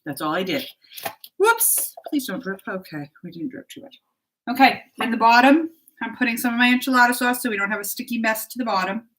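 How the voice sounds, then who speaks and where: This cooking vlogger is a middle-aged woman who chats casually with viewers while working in her kitchen at home. She talks quickly in a fairly high, slightly bright voice. The recording is low quality, with pots and dishes clanking in the background.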